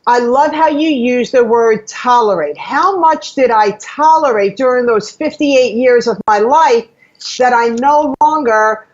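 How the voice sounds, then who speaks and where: Female talk host, 50s, encouraging and upbeat, somewhat high, muffled recording. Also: measured pace. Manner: warm affirming, enthusiastic. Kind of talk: casual interview chat.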